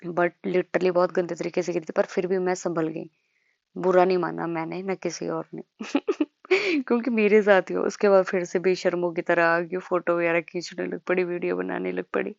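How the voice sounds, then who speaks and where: A woman's voice: on the low side, little pitch movement, a little fast, gravelly, no echo. Young female vlogger from India, chatty and self-mocking; dry, dull lo-fi voice-over. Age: young adult. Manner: chatty, self-mocking, addresses viewers as guys. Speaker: travel vlogger. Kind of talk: casual vlog narration.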